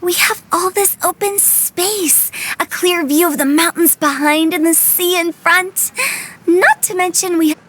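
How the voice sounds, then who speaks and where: A mischievous young funeral director with a very high, sing-song voice. She teases everyone around her in video game dialogue. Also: steady tone, unhurried, a bit bright, slight background noise. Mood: teasing.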